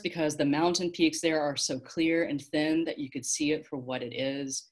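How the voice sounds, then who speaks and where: A weary, kind celestial being, as a woman reading aloud voices her. She speaks softly and slowly, soothing frightened children. A low, gentle storybook voice. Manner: soft, slow and comforting. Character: gentle, tired celestial being, comforting, female.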